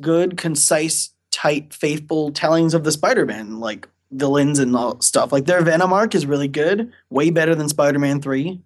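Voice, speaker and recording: A man's voice: fairly high pitch, normal speed, hardly any pauses. A man from Hawaii chatting enthusiastically about comics and cartoons, with lots of "you know" and "like.". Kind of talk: casual chat.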